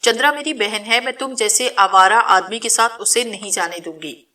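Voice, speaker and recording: A woman's voice: medium pitch, pushed and bright, far from the mic, close to an everyday voice. A woman reading the part of a proud, willful young noblewoman who speaks commandingly in a storybook reading. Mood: threatening. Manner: commanding, possessive.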